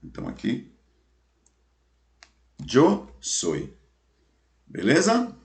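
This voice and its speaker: A man teaching a recorded lesson, patient, checking in often and slowing down to repeat each example. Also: mid-range voice, huge pitch swings. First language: Portuguese. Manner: patient, drawing out examples slowly, checking in with "beleza?". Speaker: Spanish teacher.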